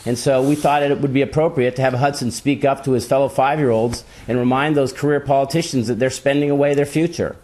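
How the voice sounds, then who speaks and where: A man's voice: mid-range voice, fairly even intonation, fast, few pauses, darkish tone. A middle-aged man answering interview questions as a political candidate, earnest and on-message in a conversational style.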